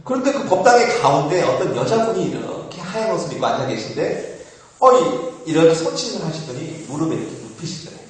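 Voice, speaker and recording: A man's voice: on the high side, big pitch swings, brisk. A man, a monk, giving an informal Buddhist dharma talk, conversational with frequent fillers and laughter. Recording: very echoey, far from the mic.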